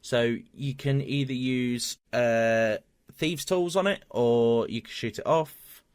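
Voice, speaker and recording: A man running a tabletop game as dungeon master, halting and restarting often. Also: medium pitch, smooth, no room sound, studio quality. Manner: halting, with many restarts and fillers.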